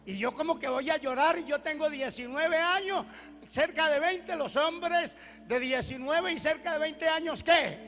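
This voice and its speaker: High-voiced preacher, animated testimony. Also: male voice, a little slow, in a large hall, faint music behind. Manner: animated storytelling, swinging from loud declarations to hushed prayers. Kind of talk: testimony sermon.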